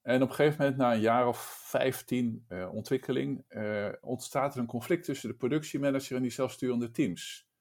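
A man of ordinary pitch leads a conversation about work and teams. He weighs his words and often restarts a phrase before finishing the thought. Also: a little fast, a little mellow. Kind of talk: casual discussion.

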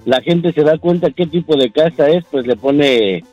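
Joking caller with a high voice. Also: male voice, moderate pace, darkish tone, no room sound, soft background music, poor audio. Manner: joking, explains plainly, polite address. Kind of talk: casual radio chat.

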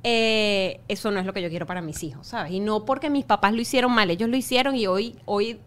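A woman's voice: medium pitch, brisk. A woman in her thirties, a mother of quadruplets, talking reflectively as a guest in a casual interview. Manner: talkative, reflective, often adds "¿sabes?".

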